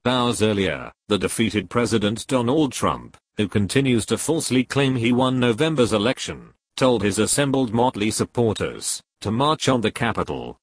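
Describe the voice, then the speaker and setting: A man reading a political article aloud as scripted narration, in a steady, measured delivery. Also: lowish voice, breathy edge, no room sound.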